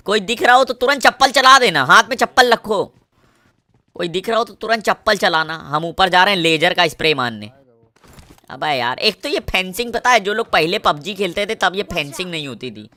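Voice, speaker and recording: Brief: loud Kanpur-accented male gamer, cocky trash-talker, sharp bright tone. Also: high voice. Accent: Kanpur Hindi. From Kanpur, India. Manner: swaggering, crude trash talk, shouting at enemies. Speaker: mobile gamer. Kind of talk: live gameplay commentary.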